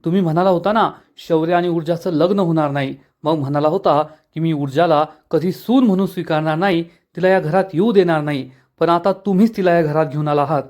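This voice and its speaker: A man voicing a furious, superstitious middle-aged mother in a dramatic serial recap, with rushed, accusing lines. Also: fairly high pitch, darkish tone, close to an everyday voice. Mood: angry, accusing.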